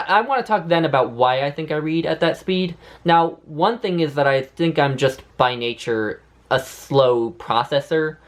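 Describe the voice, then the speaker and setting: Man with a lisp, rambling casually. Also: mid-range voice. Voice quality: lisp with whistling s. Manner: rambling, self-correcting. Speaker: book vlogger. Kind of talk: casual reflective talk to camera.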